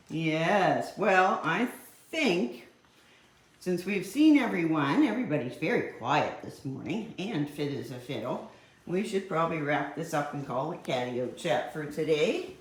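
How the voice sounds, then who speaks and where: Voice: medium pitch, expressive, unhurried, echoey room. A cat vlogger chatting casually to camera at home, laughing often and talking to the cats.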